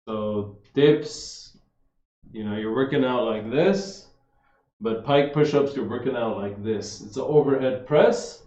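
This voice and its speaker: A man casually answering viewers' fitness questions on a livestream, relaxed and chatty, often saying "man" and "like". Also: mid-range voice, slow pace. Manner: laid-back, says "man" and "like" a lot, reads questions aloud. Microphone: streaming setup. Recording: roomy, slightly dull livestream audio.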